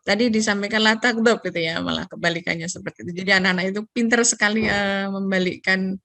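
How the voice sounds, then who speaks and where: A woman moderates an online question round in a polite, easygoing way, reading questions aloud with many small hesitations. Her voice is mid-pitched and sounds dry and close, with little room around it. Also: steady tone, quick pace, bright, forceful tone, dry recording. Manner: polite, reads out questions, filler-heavy.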